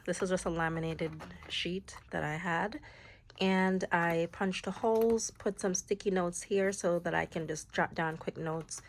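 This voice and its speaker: A young planner vlogger walks through her planner pages in a relaxed, chatty show-and-tell, tossing in the occasional "like" and "um." Her voice is slightly low, with a stuffy, nasal quality from a cold.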